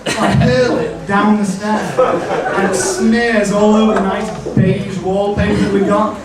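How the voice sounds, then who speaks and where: A man's voice: high voice, flat delivery, slow pace, over a noisy crowd. A young man doing stand-up, telling a rambling, self-mocking story on a comedy club stage. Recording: echoey venue, distant mic, noisy.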